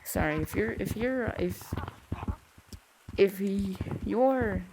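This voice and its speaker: Rambling young VR gamer, gravelly, noisy. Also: medium pitch, takes it slowly. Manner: rambling, with many fillers and restarts. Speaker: VR gaming video creator. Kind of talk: casual game tour commentary. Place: at home, sitting on the floor. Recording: loud background noise.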